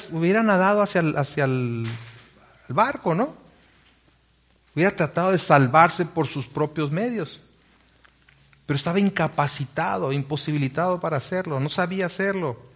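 Male pastor, slightly high voice, sermon delivery, questions to the congregation. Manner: preaching with rhetorical questions to the congregation; reads scripture aloud.

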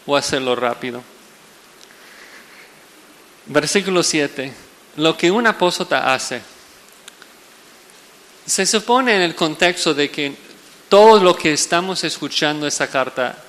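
A male pastor preaching a sermon, emphatic, rising to loud stressed words and dropping to hushed low lines. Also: expressive, measured pace, long pauses, in a large hall.

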